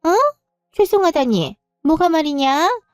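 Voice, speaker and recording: A woman's voice: high-pitched, very animated, unhurried, no echo, faint music behind, pitched above the performer's own voice. A woman doing a scolding mother-in-law. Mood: puzzled, calm. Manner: scolding, talks down. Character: middle-aged mother-in-law, reproachful and pushy.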